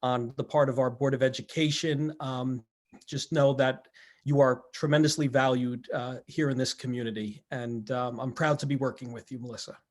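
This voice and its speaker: A man who is a school administrator, giving an earnest, halting tribute at a board meeting over a video call. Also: mid-range voice, steady tone. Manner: earnest, halting, repeats words.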